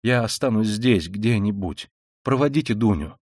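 A man's voice: lowish voice, expressive, normal speed, darkish tone, dry recording. A man reading an audiobook voices an anxious middle-aged mother who pleads timidly and is close to tears. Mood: pleading.

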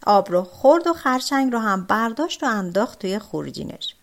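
A woman narrating a folk tale for an audiobook, telling it in an expressive, dramatic way. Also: medium pitch. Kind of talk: storybook narration.

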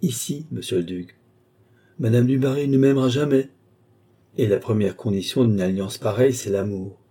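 A man's voice: medium pitch, normal speed, dark tone, breathy edge. A man reading an audiobook, voicing an eloquent middle-aged duke who pleads and declaims with fervour. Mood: impassioned.

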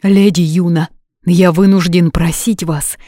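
A woman voicing a pale, timid male royal secretary who speaks quietly and dutifully in an audiobook. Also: fairly low pitch, fairly even intonation, unhurried, no room sound, clean studio sound. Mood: strained.

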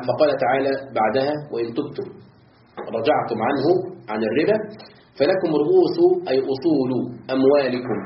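A man's voice: mid-range voice, slight background noise. A man teaching a classroom lesson on Quran commentary, explaining phrase by phrase and putting questions to his students. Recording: roomy, dull lo-fi recording.

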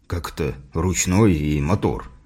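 A man voicing a stern middle-aged father and war veteran in an audiobook, speaking low and curt. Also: a little slow, a little mellow, husky, heavily acted. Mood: gruff.

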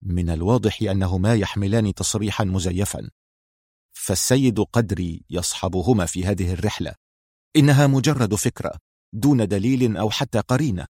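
A man putting on a low, hesitant office manager. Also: fairly even intonation, fast talker, warm tone, dry recording, studio quality. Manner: hesitant, clears his throat. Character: deep-voiced hesitant male office manager, embarrassed.

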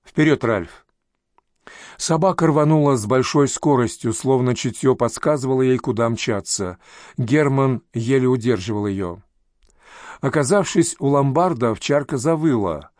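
A man narrating an audiobook in an even, measured reading style. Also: mid-range voice, dry recording, clean studio sound. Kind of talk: scripted narration.

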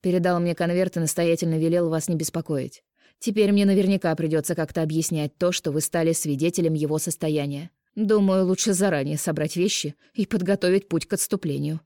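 A woman's voice: on the low side, fairly even intonation, fairly quick, mellow, no room sound, clean studio sound, lightly acted. A woman reading an audiobook voices a stern male healer who grumbles and insists firmly. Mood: explaining. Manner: firm, grumbling.

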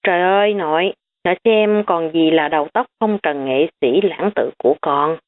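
Joking young playboy voiced by a woman, low-pitched, phone-thin sound. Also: normal speed, close to an everyday voice. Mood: playful. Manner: breezy, joking. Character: carefree rich young man, playful. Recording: tinny phone-like recording.

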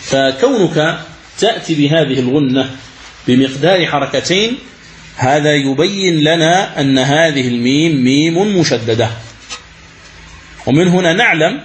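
Man, recitation teacher, religious lesson, rather high pitch, asks and answers himself, faint background hum. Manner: poses questions then answers them; chants verses slowly as examples.

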